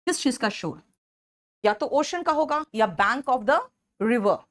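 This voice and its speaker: A woman teacher giving an exam-prep vocabulary lesson, animated, calling her students "beta" and slowing down to dictate English definitions. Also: on the high side.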